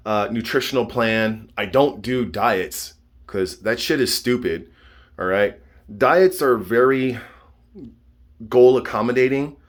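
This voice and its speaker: Casual male fitness vlogger, 30s, lowish voice, rambling, repetitive check-ins. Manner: repeats himself, checks in with "okay?" and "all right?".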